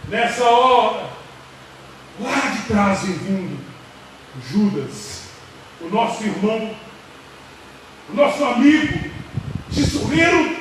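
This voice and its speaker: A man preaching with a Brazilian Portuguese accent, retelling a story dramatically with sudden shouted peaks at a church service. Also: high voice. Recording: echoey hall, distant mic, noisy.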